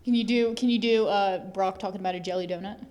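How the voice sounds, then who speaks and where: A podcast co-host chatting in a lively, enthusiastic way, often laughing. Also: medium pitch, fast, muffled recording. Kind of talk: casual podcast chat.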